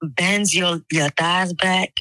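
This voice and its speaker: A woman with a raspy voice talking candidly in a casual chat as a guest. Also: fairly low pitch, fairly even intonation, slow, bright, forceful tone, rough recording.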